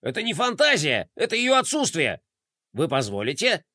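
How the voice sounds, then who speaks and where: A man's voice: a little high, wildly swooping pitch, normal speed, pushed and bright, dry recording, full character voice. A man voicing a theatrical, know-it-all fluffy green alien. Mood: scoffing. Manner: theatrical, snorting.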